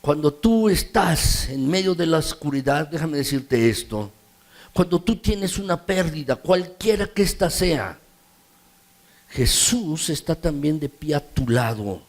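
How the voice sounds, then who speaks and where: A male pastor with a Mexican Spanish accent, reading scripture slowly and then preaching with rising emphasis. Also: fairly high pitch, expressive. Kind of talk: sermon.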